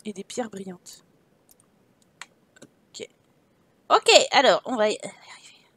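A woman's voice: mid-range voice, slow pace, breathy edge. A woman giving casual, playful commentary while playing a game, reading the quest text aloud, laughing often and swearing casually. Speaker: video game let's-player.

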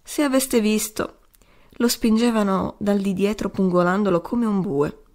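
A woman's voice: mid-range voice, unhurried, a little mellow, close to an everyday voice. A woman voicing a broken, grieving old male adventurer who rambles and keeps pleading "sir" at his listener. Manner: pleading, repeating "signore".

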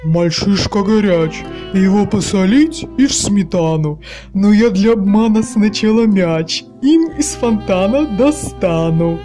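A woman voicing a hungry, grumbling male giant in a children's storybook reading, booming and growling. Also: animated, measured pace, mellow, soft background music, close to an everyday voice. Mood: scheming. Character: hungry grumbling male giant, fierce but secretly kind.

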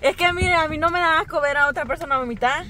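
A Salvadoran woman with a high voice complains in a queasy way. Loud group chatter fills the space around her inside a vehicle. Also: fast. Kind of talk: casual chat.

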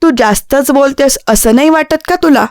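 A woman's voice: high voice, normal speed, dry recording, voice pushed up. Woman reading a stern, caring young husband. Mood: firm.

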